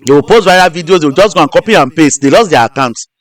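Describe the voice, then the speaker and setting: A man's voice: a little high, animated, racing, no echo. A man hosting a live stream, teaching step by step and repeating his instructions. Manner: repetitive, restarts phrases. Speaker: host.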